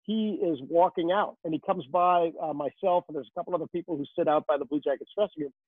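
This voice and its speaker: A man's voice: a little high, fairly even intonation, fast talker, slightly rough, dry recording. Chatty man on a tinny phone line. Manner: chatty storyteller, many fillers. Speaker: rinkside hockey reporter. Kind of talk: casual interview answers.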